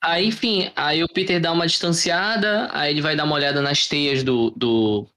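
Brazilian guy podcaster, bright forward voice, casual retelling with mates. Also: a little high, moderate pace. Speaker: podcast co-host. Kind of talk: casual episode recap.

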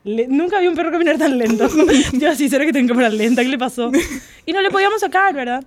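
High-voiced woman, teasing chat. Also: fast, no echo. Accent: Paraguayan Spanish. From Paraguay. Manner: teasing, animated storytelling. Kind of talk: casual chat.

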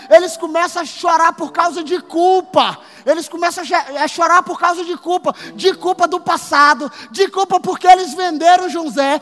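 A man preaching a sermon as pastor, emphatic and building to shouts. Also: extremely high pitch. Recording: long hall reverb with faint music.

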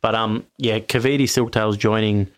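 A man's voice: on the low side, steady tone, normal speed, smooth, dry recording. A man co-hosting a casual sports podcast, rambling and self-correcting, a little tipsy from wine. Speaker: podcast co-host.

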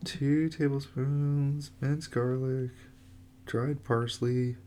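A man's voice: mid-range voice, level tone, extremely slow, warm tone, slight background noise. A man co-hosting a casual home podcast, joking and laughing while he sneezes and coughs with a runny nose. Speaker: podcast co-host.

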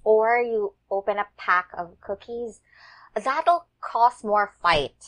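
A woman's voice: mid-range voice, takes it slowly, a bit bright. A woman, a guest on a food podcast, talking in an opinionated, teasing way. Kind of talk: casual chat.

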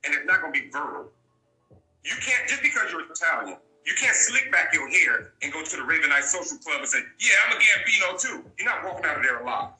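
A man speaks as a guest in a candid interview, with a forceful, bright edge and a slightly high pitch. He talks bluntly and hammers his points home by repeating them. The room gives his voice a noticeable echo. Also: lively intonation, fast. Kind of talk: candid storytelling.

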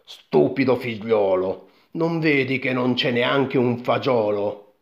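A bossy old mother , voiced by a man, nags in a sharp, loud scolding voice, slow and emphatic. The recording sounds dull and lo-fi. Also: on the low side, expressive, gravelly, full character voice. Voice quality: sharp, nagging.

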